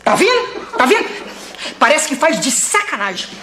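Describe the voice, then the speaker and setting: A woman's voice: high-pitched, very animated, normal speed, echoey room, heavy background noise. A woman playing a fed-up ranting dad. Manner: ranting comic complaint, mock outrage. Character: exasperated father fed up with online school. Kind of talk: comedic sketch video.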